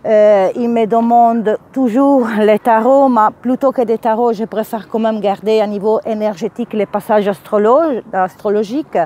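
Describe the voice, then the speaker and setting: A woman's voice: a little high, moderate pace, few pauses, mellow. A woman with a foreign accent in French, a non-native speaker talking informally and searching for words in a spiritual vlog monologue. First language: not French. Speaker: spiritual vlogger and energy healer.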